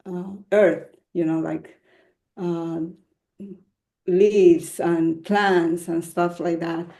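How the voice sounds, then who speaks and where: A woman's voice: lowish voice, dark tone, echoey room. A woman from Ecuador, a featured poet, answering a panel question hesitantly with many fillers.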